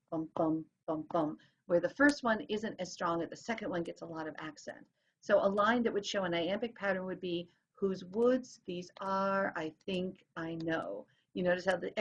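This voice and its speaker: Lady teacher walking through a lesson, kinda husky voice, muffled lo-fi audio. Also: medium pitch. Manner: explanatory, claps out rhythms. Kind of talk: recorded lesson. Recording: dull lo-fi recording.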